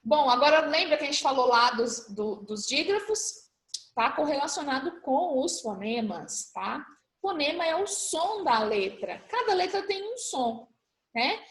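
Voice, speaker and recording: A high-pitched woman teaching young pupils, patiently spelling out letter pairs one at a time. She talks in a roomy, echoing space at school. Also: expressive, measured pace. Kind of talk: recorded class review lesson.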